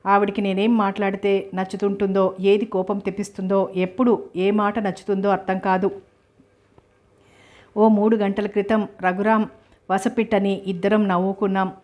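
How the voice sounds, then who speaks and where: A woman reading a first-person novel aloud in a steady, even manner. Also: medium pitch, normal speed.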